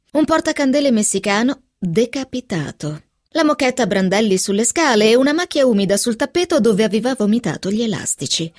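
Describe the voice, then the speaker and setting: A woman's voice: on the high side, darkish tone, no room sound, clean studio sound. A woman reading a book aloud expressively, acting out the scenes. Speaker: book reader.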